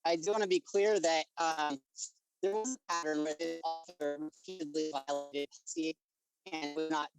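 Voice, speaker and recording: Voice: medium pitch, steady tone, soft background music, rough recording. Caller on glitchy, breaking-up call audio. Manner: earnest, halting, insistent. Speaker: community member giving public comment. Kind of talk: public comment in an online meeting. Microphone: video call.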